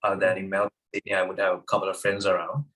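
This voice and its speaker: A young man from Sri Lanka, a guest on an interview podcast, speaking with hesitant pauses and fillers. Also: low-pitched, monotone, fairly bright tone. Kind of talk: casual interview chat.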